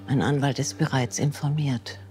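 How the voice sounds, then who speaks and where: A man's voice: mid-range voice, fairly even intonation, normal speed, darkish tone, close to an everyday voice. Actor as a coldly furious, commanding man. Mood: cold fury. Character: domineering man in cold fury, confronting a relative. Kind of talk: TV drama dialogue.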